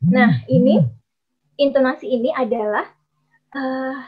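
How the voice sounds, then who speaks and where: A woman with a high, light voice leads a storytelling workshop, explaining each technique patiently. She talks to her listeners as friends and often pauses on small hesitation sounds. The audio is slightly dull and lo-fi. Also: steady tone, breathy edge. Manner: explanatory, with frequent hesitation fillers. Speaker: storytelling trainer. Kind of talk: workshop presentation.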